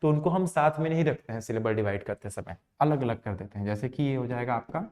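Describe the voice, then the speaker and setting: A man teaching an English lesson, explaining slowly, repeating words for emphasis and answering his own questions. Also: medium pitch, darkish tone. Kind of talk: classroom lesson.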